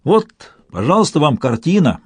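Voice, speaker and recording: A man voicing a fussy, excitable male museum keeper who frets and pleads in quick exclamations. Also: on the high side, husky, dry recording, heavily acted. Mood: sorrowful.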